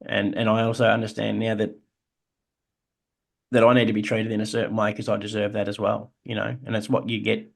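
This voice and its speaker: A man's voice: lowish voice, completely flat delivery, a little fast, gravelly. An Australian man, podcast co-host, telling his own story in an earnest, reflective way. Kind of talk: casual chat.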